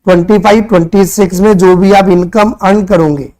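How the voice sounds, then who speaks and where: Brief: young Indian male tutor, high-pitched voice, conversational lecturing, keeps quizzing the class. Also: fairly even intonation, moderate pace, dark tone. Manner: conversational, quizzes students with rhetorical questions; mixes Hindi with English terms.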